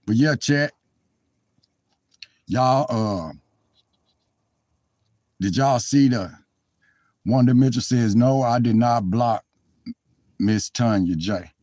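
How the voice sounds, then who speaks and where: A man's voice: medium pitch, takes it slowly, long pauses, a little mellow, no room sound. Rambling heartfelt man on a dry phone mic. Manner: rambling, heartfelt, apologetic, talks straight to chat. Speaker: live-stream vlogger. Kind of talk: casual live-stream chat. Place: car in cold weather.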